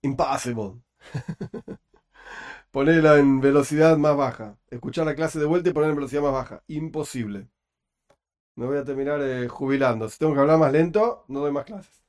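A man with a Rioplatense Spanish accent teaching a Torah class online, talking quickly with joking asides, into a computer microphone. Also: a little high, a little mellow.

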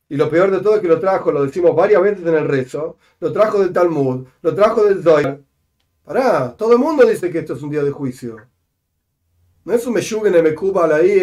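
A man teaching a Torah text in a lively study session, acting out the quotes with big jumps in pitch. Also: muffled recording.

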